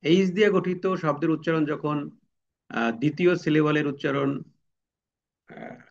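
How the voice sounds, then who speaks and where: Male tutor, slightly high voice, patient step-by-step grammar explanations with repeated examples, dull lo-fi recording. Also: fairly even intonation, moderate pace, gravelly, a little hiss or hum. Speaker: teacher. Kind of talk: exam-prep grammar lesson.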